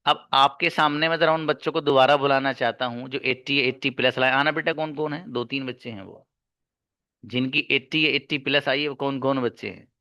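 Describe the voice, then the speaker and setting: A man's voice: medium pitch, fairly even intonation, moderate pace, sharp tone, no room sound, clean studio sound. A man teaching an online class, talking emphatically and calling his listeners brother. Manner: emphatic, addresses listeners as brother, switches into Arabic and English examples. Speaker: English teacher.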